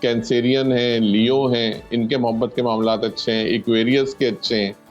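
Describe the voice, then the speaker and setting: A man's voice: mid-range voice, steady tone, soft background music. Man with on lo-fi remote line. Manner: measured, explanatory, with frequent hesitations. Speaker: astrologer guest. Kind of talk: explaining predictions on a TV show.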